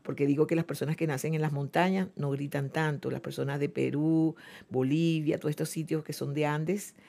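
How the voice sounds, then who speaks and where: A woman's voice: low-pitched, fairly even intonation, brisk, gravelly, mellow. A woman psychologist giving advice on a radio show, reflective, often repeating words as she searches for them.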